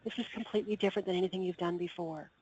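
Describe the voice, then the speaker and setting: A woman's voice: on the low side, steady tone, darkish tone, slightly rough, lo-fi sound. Upbeat woman coaching over a call. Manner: upbeat, coaching, quick asides. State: losing her voice. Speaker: team trainer. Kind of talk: training call talk.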